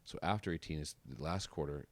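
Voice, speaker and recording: Male host, deep and fast, chatty storyteller; dry close mic. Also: no echo. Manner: rambling, chatty storyteller acting out quotes. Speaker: podcast host. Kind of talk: podcast interview conversation.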